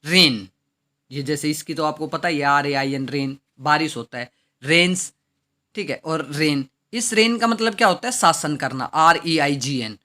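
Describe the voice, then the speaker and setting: Bright-voiced male teacher, Indian English. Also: on the high side, normal speed. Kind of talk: classroom lesson explaining vocabulary.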